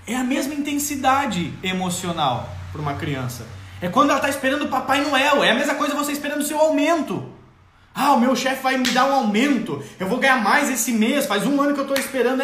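A man giving an expressive, theatrical talk on parenting and children's emotions, addressing mothers directly. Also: very high voice. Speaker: parenting educator. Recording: roomy echo.

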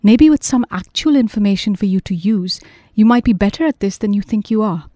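Woman doing sly male revolutionary, low soft persuasive read, dark tone, dry. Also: expressive, a little fast, dry recording. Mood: teasing.

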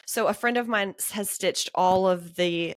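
A woman's voice: medium pitch, moderate pace, dry recording. A woman hosting a casual podcast interview in an effusive, gushing way. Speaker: podcast host.

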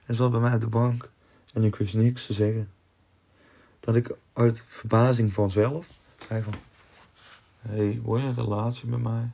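A man's voice: medium pitch, creaky, a little mellow, slightly rough. A young man hosting a podcast, telling personal stories casually, rambling and restarting sentences, with casual swearing. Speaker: podcast host.

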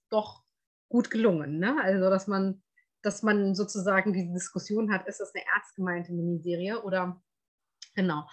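Woman podcast co-host, chatty, filler-heavy, casual review talk, mid-pitched.

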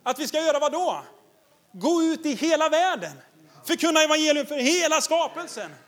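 A man's voice: very high-pitched, animated, fairly bright tone. A man preaching a sermon as pastor, enthusiastic and exhorting, laughing often as he tells stories.

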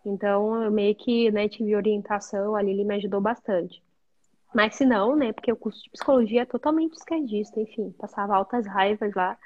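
A woman's voice: mid-range voice, a little fast, darkish tone, dull audio. A woman, a mother, explaining at length in a casual talk-show conversation, often tagging her sentences with questions. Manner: chatty, explanatory, frequent tag questions. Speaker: guest mother.

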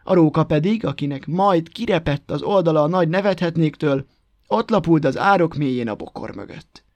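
Male storybook narrator, lively rhythmic telling, slightly high voice, dry close studio sound. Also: no echo. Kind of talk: storybook reading.

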